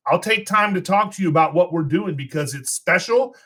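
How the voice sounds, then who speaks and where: A man's voice: high voice, a little fast, sharp tone. A man hosting an insurance podcast, fired up and preaching in a casual chat. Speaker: podcast host.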